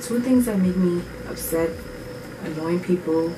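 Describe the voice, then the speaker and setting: Woman, low voice, casual Q&A chat, filler-heavy, mic far off, noisy background. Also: unhurried. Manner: rambling, filler-heavy, lots of "like" and "um". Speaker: vlogger answering viewer questions. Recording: echoey room, mic at a distance, noisy background.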